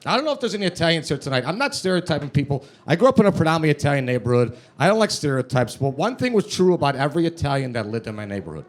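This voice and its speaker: Animated man with a thick Chicago accent. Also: fairly high pitch, rapid-fire, few pauses. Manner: brash, streetwise, profane. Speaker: stand-up comedian. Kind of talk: stand-up comedy. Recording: noisy live comedy room.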